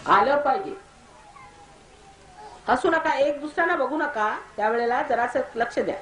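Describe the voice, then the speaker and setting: A woman's voice: high voice, expressive, normal speed, fairly bright tone. A woman, a spiritual teacher giving firm, scolding meditation instructions to a gathering. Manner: commanding, scolding. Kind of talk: guided meditation instructions to a crowd. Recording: echoey hall recording.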